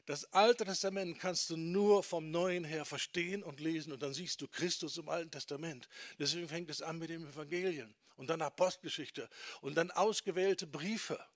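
A man delivers a teaching sermon in a somewhat high voice. He speaks emphatically and keeps turning to his listeners with short checking questions. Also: normal speed, no room sound, clean studio sound. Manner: emphatic, quotes people in acted asides. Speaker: preacher on discipleship.

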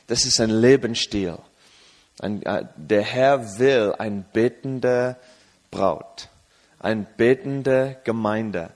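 A man's voice: on the low side, slow. A man from England preaching at a church service, speaking German hesitantly with many fillers, then in English for an interpreter. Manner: rises to an emphatic, raised preaching voice in English. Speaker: guest preacher. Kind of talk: sermon with live interpreter.

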